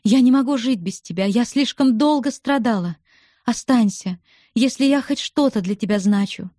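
A woman's voice: a little high, normal speed, mellow, no room sound, studio quality, natural voice. A woman reading the part of an earnest, pleading young woman in love for an audiobook.

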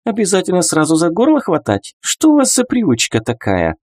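Guy doing a sulky ghost girl voice, high, swoopy, all huffy. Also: wildly swooping pitch, a little fast, darkish tone, no echo, studio quality, heavily acted. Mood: indignant. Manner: raised, pleading, sulky girlish voice. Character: young ghostly girl, pouty and indignant.

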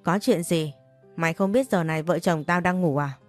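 A woman's voice: fairly low pitch, moderate pace, soft background music, natural voice. A woman doing a hot-tempered young husband barking orders. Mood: irritated. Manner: barking, scolding.

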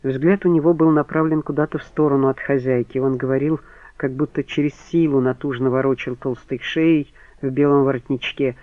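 A man reading a crime novel aloud as an audiobook narrator, steady and even. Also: medium pitch, brisk, dry recording. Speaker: audiobook reader. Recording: slightly dull dry recording.

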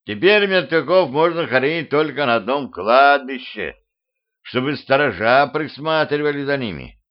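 A man voicing an old village cart driver who groans and grumbles in a drawn-out way, in a self-made audiobook. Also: medium pitch, lively intonation, pitched above the performer's own voice, natural voice. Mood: grumbling. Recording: dull lo-fi home recording.

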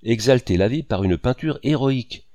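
A man's voice: medium pitch, expressive, normal speed, mellow, dry recording, natural voice. A man voicing a boastful, exuberant male painter who talks grandly and at length. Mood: grandiloquent. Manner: grandiose, voluble.

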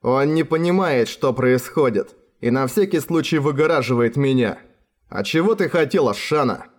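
A man's voice: medium pitch, lively intonation, normal speed, lightly acted. A man voicing a sardonic official who speaks with cool, mocking sarcasm. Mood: weary. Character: sardonic, unflappable male official, a consul.

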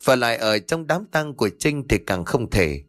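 A man's voice: medium pitch, sing-song, moderate pace, a bit bright, no echo, clean studio sound, soft background music. Man narrating a ghost story.

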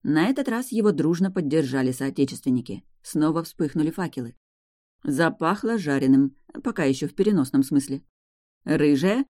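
A woman's voice: low voice, lively intonation, brisk, dark tone, no echo, studio quality. A woman narrating a first-person fantasy audiobook in a wry, ironic manner.

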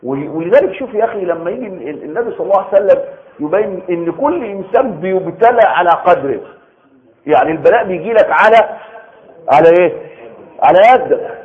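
A man with an Egyptian accent giving a colloquial religious lecture, animated, asking the audience rhetorical questions and answering them himself. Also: high-pitched, quick pace, narrow, tinny audio. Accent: Egyptian Arabic. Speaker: preacher giving Quran commentary.

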